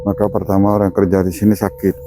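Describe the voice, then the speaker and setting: A man's voice: sits low, level tone, fast talker, warm tone, soft background music. A man, a spiritual healer, explaining on an outdoor ghost-hunting walk and commanding spirits sternly. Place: outdoors in a garden.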